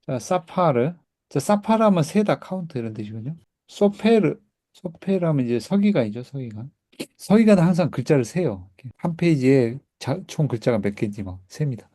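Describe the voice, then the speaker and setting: A man's voice: fairly high pitch, big pitch swings, fairly quick, warm tone. A man teaching a Hebrew class, patiently explaining and repeating words for students to echo. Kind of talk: classroom language lesson. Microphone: recorded class, whiteboard teaching.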